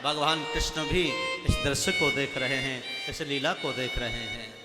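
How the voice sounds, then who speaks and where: A man's voice: mid-range voice, fairly even intonation, unhurried, over loud music. Dramatic male preacher in an echoey hall. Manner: dramatic, voices the characters, sometimes chants Sanskrit verses.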